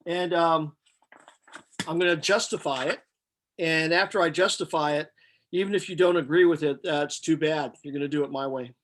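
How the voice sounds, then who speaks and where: A man giving a lecture, working through problems step by step in a halting, matter-of-fact, flat delivery as he thinks aloud. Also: on the high side. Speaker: chemistry lecturer.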